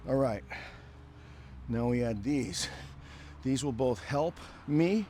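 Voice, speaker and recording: An older man calmly explaining an exercise while he demonstrates it, talking through the movement step by step. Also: medium pitch, slow, a little hiss or hum. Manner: calm, explanatory, thinks aloud between movements. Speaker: fitness coach.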